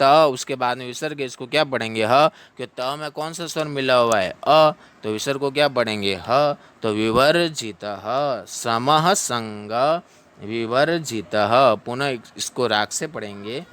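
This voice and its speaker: A man teaching Sanskrit verse pronunciation, stretching each syllable out slowly between brisk explanations. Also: medium pitch, a bit bright, clear, resonant tone. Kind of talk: patient pronunciation lesson.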